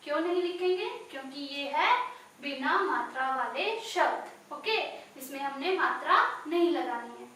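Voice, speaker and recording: A high, bright-voiced woman teaches young children at an unhurried pace, sounding words out syllable by syllable and mixing in English words. She is heard from some distance in a very echoey room with a faint ambient hum behind her. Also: lively intonation. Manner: slow, sounds out each word syllable by syllable. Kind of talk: recorded primary school lesson.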